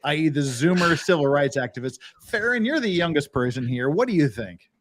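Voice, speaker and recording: A man's voice: on the high side, big pitch swings, fairly quick, slight background noise. A man hosting a casual panel discussion in conversational speech. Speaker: panel host.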